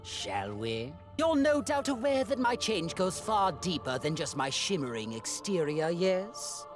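A man's voice: high-pitched, sing-song, unhurried. A man voicing a haughty, vengeful alien tyrant in a video game, delivering sneering, theatrical villain monologue. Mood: grandiose. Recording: game music behind the voice.

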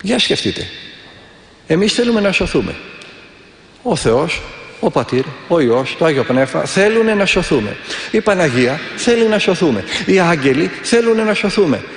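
A man's voice: high-pitched, big pitch swings. A man, an Orthodox monk, giving a sermon and telling stories with earnest, vivid delivery and repeated prayers. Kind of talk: sermon with storytelling. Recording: echoey, reverberant hall.

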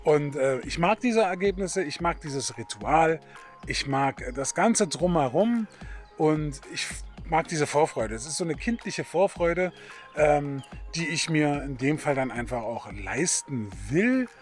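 A middle-aged photography host from Berlin, Germany, talks casually to the camera, chatty and hesitant with many fillers. His voice is fairly high and expressive, a little slow, with faint music in the background.

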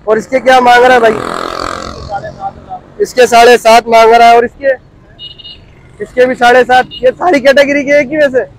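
A chatty vlogger in his thirties, with a fairly high voice, tours a busy outdoor street market while filming on a handheld phone camera. He asks vendors their prices and repeats them for viewers in a casual walkthrough, speaking flatly at a moderate pace with long pauses. The recording is rough, with slight background noise.

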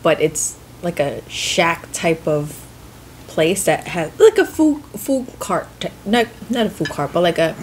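A woman's voice: fairly low pitch, unhurried, a little hiss or hum. An American woman hosting a casual chat over a meal, rambling and correcting herself as she explains. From United States. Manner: rambling, self-correcting, hedges often. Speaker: host.

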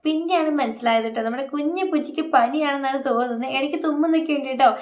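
A woman talking quickly in a casual vlog about her pet cat at home. Her voice sits a little high, and her chatty, tender manner carries through her narration. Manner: chatty, tender, ends sentences with "ട്ടോ". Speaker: cat vlogger.

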